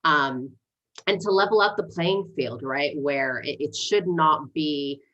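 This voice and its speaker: This muffled clip features a woman in her forties with a low, slightly bright voice and a slow pace. English is her second language; she was born in Egypt and grew up in Canada and the US. In a livestream interview, she earnestly presents herself as a city council candidate.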